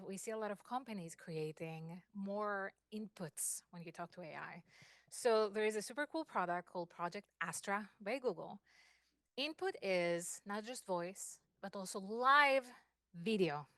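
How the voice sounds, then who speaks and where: A woman with a Greek accent talks to a meetup audience in a classroom, energetic and conversational. She keeps checking in with the room. The sound is close and dry. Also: medium pitch, dry recording. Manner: animated, checks in with 'right?' and 'okay?'. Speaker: guest speaker. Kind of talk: fireside chat with live demos.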